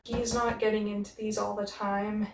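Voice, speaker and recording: A young woman chats through a casual how-to vlog about organizing shoes in a small bedroom full of shoe bins, upbeat and talkative, even remarking that she has a booming voice. Her tone stays level and her pace moderate. The camera mic catches her up close and then from across the echoey room, with slight background noise.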